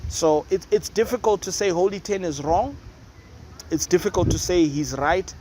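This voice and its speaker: Male host, high voice, noisy room with music behind, loose opinionated commentary. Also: moderate pace. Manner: chatty, opinionated, rambling asides. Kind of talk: casual commentary. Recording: noisy with loud music nearby. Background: neighbours' music and noise.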